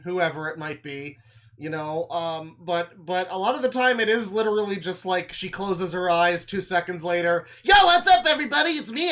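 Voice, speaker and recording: A man's voice: high-pitched, a bit bright. Male streamer, dry sarcastic running commentary, often drops to a mutter. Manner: sarcastic, mumbling asides, swears. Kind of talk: casual reaction commentary.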